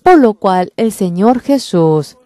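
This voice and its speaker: A woman's voice: mid-range voice, expressive, slow pace, warm tone, no room sound. A woman delivering a church sermon in a fervent, emphatic preaching manner. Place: church service.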